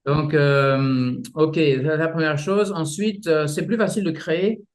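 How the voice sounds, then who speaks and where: Halting French man explaining martial arts. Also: fairly high pitch, fairly even intonation. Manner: halting, many restarts, explains with images. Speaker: martial arts teacher, guest. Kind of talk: casual explanatory interview.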